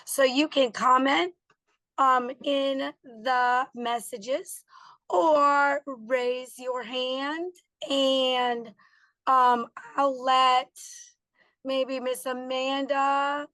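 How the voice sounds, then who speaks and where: A woman teaches an online class of children in a hoarse, spooky croak that still sits quite high. She speaks slowly and encourages her pupils as she puts questions to them. The sound is dry, with very little room. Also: level tone, pushed and bright, dry recording, rough recording. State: hoarse, recovering from a lost voice. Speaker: teacher leading social emotional learning. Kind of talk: interactive online class for schoolchildren.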